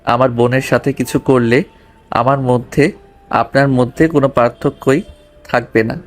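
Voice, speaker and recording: Guy voicing a steady young husband, firm but gentle, audio drama, medium pitch. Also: moderate pace, soft background music, natural voice. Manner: calm, firm, gentle with his child. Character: calm young husband and devoted father. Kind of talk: Bengali audio drama acting.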